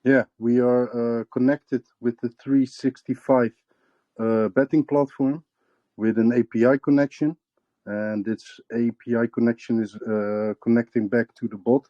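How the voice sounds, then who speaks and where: A man's voice: medium pitch, steady tone, measured pace, warm tone, no echo, highs cut off. A man representing a crypto project, answering interview questions hesitantly with many fillers and restarts.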